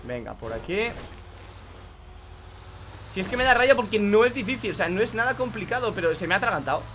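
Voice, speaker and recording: A young man from Spain talks through his gameplay, his voice high and lively as it leaps between groans and outbursts. The tone is bright and forceful, and he swears and grumbles straight to his viewers, with faint game sounds underneath. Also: brisk, slight background noise. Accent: Spain Spanish. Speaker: gaming youtuber. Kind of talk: live gameplay commentary.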